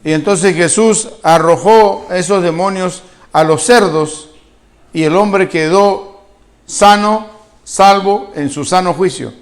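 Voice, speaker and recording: Venezuelan pastor guy preaching, kinda high voice, acts out the quotes, keeps asking the crowd stuff. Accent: Venezuelan Spanish. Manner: animated storytelling, asks the congregation questions; acts out the quoted speakers with a shifting voice. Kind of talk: sermon.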